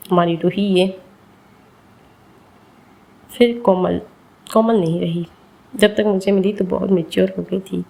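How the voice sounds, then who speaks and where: Gravelly-voiced woman storyteller. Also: fairly low pitch, warm tone, rough recording. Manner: emotional, addresses listeners as guys. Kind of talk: dramatic story narration.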